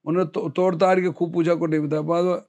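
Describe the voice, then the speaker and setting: The lo-fi recording captures an army veteran in his fifties telling an interview story fast and with energy, voice on the high side, as he acts out other people's lines.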